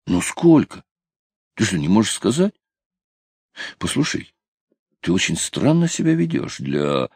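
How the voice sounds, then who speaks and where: A man's voice: fairly low pitch, huge pitch swings, a little slow, creaky, long pauses, a little mellow, breathy edge, no echo, studio quality, pitched above the performer's own voice, full character voice. A man reading an audiobook, voicing an eager, awkward young sailor who is pushy and flustered.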